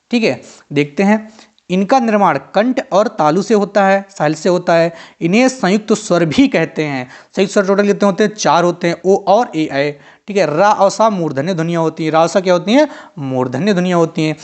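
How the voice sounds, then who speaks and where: Man, exam-prep teacher, high voice, quick repetitive question-and-answer drilling. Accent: Hindi-belt Indian.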